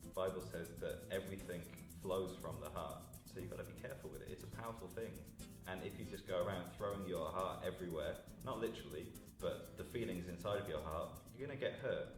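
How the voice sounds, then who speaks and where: A man co-hosting a casual video chat, giving relaxed, gentle advice and laughing easily. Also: low voice, quick pace, hardly any pauses, reverberant, over music. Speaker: co-host of a couple's channel.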